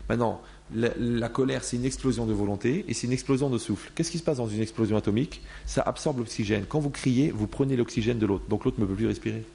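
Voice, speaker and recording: A man giving a lively class to an audience into a microphone, acting out everyday people as he explains. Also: medium pitch, gravelly, slight background noise. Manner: animated, acts out everyday people in quick voices. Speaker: religious teacher. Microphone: microphone in front of a live class.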